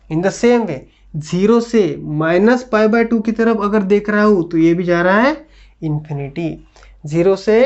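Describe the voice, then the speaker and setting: A man's voice: high-pitched, darkish tone, muffled recording. A man giving a classroom maths lecture as a tutor. He repeats phrases as he works through the board and keeps checking that students are following. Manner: keeps checking understanding with quick questions.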